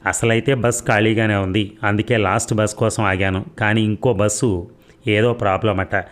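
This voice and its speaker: A man with a low voice reading the lines of a playful, coaxing young man in a storybook. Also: fairly even intonation, moderate pace, natural voice. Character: young man, teasing yet caring lover.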